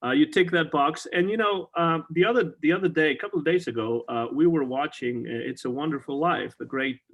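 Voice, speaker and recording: Talking about old music on his podcast, this middle-aged man sounds casual and keen, often restarting sentences and using fillers. His voice is a little high and fairly bright, and he talks fairly quickly over a video call mic.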